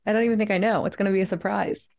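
A woman's voice: mid-range voice, fairly even intonation, racing, gravelly, darkish tone. Chatty upbeat young woman. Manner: upbeat, chatty, laughs often. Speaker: podcast co-host. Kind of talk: casual chat.

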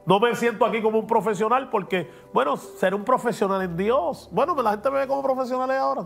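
Emphatic high-voiced pastor. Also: male voice, a little fast, gravelly, a bit bright, faint music behind. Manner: emphatic and preachy, drops English words in. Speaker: pastor, podcast host. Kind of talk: preaching podcast talk. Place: podcast studio.

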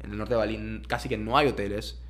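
A man's voice: on the low side, fairly even intonation, quick pace, fairly bright tone. A young man with a Panamanian accent, casually telling personal stories as a guest, with slang and English words mixed in. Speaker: interview guest.

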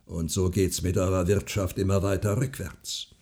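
A man voicing a frail old widow who speaks softly, earnestly and secretively. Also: sits low, flat delivery, moderate pace.

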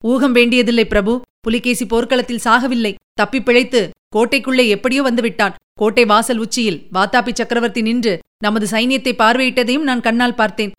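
A woman's voice: fairly high pitch, fairly even intonation, brisk, natural voice. A woman voicing an earnest male army general in an audiobook, delivering pressing reports. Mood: urgent. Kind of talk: audiobook character reading.

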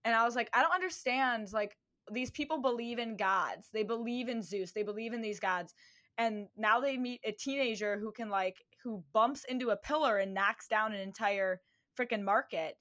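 A young woman hosting a podcast, chatting casually and telling lively stories with acted-out quotes. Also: a little high, moderate pace. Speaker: podcast host. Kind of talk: casual chat.

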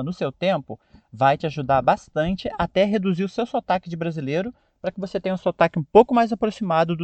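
A Brazilian man with a Brazilian Portuguese accent gives an English pronunciation lesson, his voice a touch high and very animated in its rise and fall. He talks directly to his viewers and keeps checking "ok?". The sound is dry, with no room echo. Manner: lively, addresses viewers directly, keeps asking "ok?". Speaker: English teacher.

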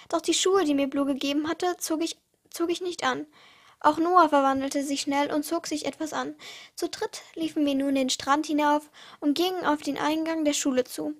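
High-voiced teen girl reading her stories. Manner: reads with small slips and restarts, uneven pace. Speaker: podcast host reading her own stories. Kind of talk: reading self-written stories aloud.

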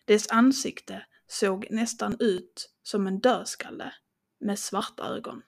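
A woman reading a first-person horror story in slow, dramatic tones, dropping to a hush at tense moments. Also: medium pitch, steady tone, creaky. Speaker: podcast host and storyteller.

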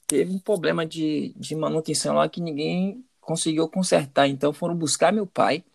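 A man's voice: fairly high pitch, fairly even intonation, moderate pace, gravelly, slight background noise. A middle-aged man from Salvador, telling stories as an interview guest, hesitant and full of repeated words. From Salvador, Bahia, Brazil. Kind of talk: casual conversational interview.

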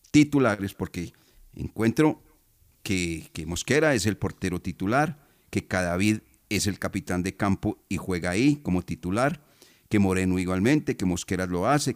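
A man, directing a sports radio talk show in a brisk manner. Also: low-pitched, darkish tone, dry recording.

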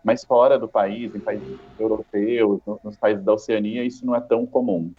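A man's voice: on the low side, steady tone, normal speed, breathy edge, muffled recording, faint music behind. A Brazilian man with a Brazilian Portuguese accent, telling a story as a guest in a casual panel chat over a call. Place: video call.

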